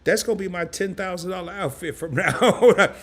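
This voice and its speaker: A man hosting a casual live stream, animated and chatty, reading viewer comments aloud in loose slang. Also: high voice, a little fast. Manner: animated, chatty, repeats himself.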